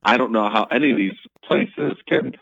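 A deep-voiced man talks earnestly over a phone call that keeps breaking up and dropping out. His voice comes through muffled and lo-fi, close and dry with no room around it. He talks in a loose, conversational way, filling his sentences with "you know". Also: normal speed, gravelly, a bit bright, no room sound. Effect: breaking-up phone connection. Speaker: guest, local news reporter. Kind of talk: casual chat.

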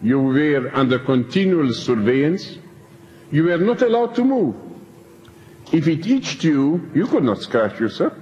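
With slow, deliberate, emphatic phrasing and pauses, an older man preaches to an audience about being in prison. His voice sits on the high side, sing-song and mellow. It comes from a dull lo-fi archive tape with a little hiss or hum, recorded in a reverberant hall.

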